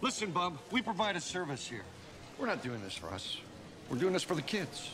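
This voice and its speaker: High, swooping con-man Santa. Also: sing-song, brisk, over music. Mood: mock sincere. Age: middle-aged. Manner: slangy, theatrical, sarcastic hustler. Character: shady, brash middle-aged con-man department store Santa. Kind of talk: film comedy acting.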